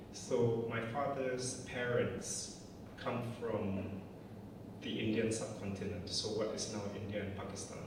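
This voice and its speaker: A man in his forties from Malaysia, a climate charity director, giving a reflective, candid personal talk at an evening event. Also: on the low side. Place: large church hall. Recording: echoey hall, distant mic, audible noise.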